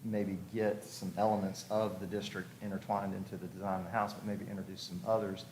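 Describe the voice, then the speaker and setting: With a low, slightly mellow voice that shows little pitch movement, a man speaks a little fast. He's a house designer giving an informal, conversational explanation to a review commission at a public hearing, thinking aloud as he goes. The recording is echoey with clearly audible background noise.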